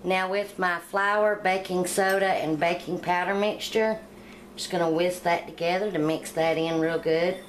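A middle-aged woman walks through a baking recipe in a homey, plain-spoken way, her voice sitting a little low. She talks casually in a home kitchen, picked up by the camera mic with a faint room hum behind her. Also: fairly even intonation, measured pace. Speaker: home cooking channel host. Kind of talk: casual cooking demonstration voice-over.

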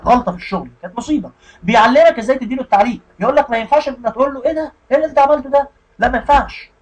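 Egyptian guy explaining IT career stuff super fast, bit husky, keeps asking if you got it. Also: high voice, rough recording. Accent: Egyptian Arabic. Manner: keeps checking in with the listener. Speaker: IT career instructor. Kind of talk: casual spoken lesson.

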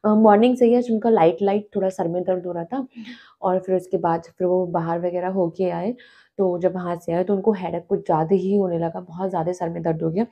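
A woman hosting a casual family vlog from home, talking softly and slowly so she won't wake the sleepers. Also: on the low side, steady tone, slightly rough, highs cut off. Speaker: family vlogger. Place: home, indoors.

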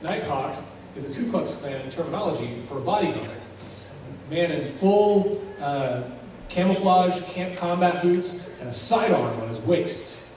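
A male pastor telling a story in a sermon, dramatic and suspenseful, with pauses that build tension. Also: a little high, animated, a little hiss or hum. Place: church sanctuary. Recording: very echoey church recorded from a distance.

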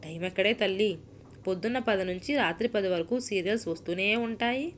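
A woman's voice: medium pitch, a little fast, a little hiss or hum, natural voice. A woman voicing a young married woman who is melodramatic, self-pitying and hooked on TV serials, in a storybook reading. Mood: scheming. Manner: sighing scoffs, self-pitying, complaining.

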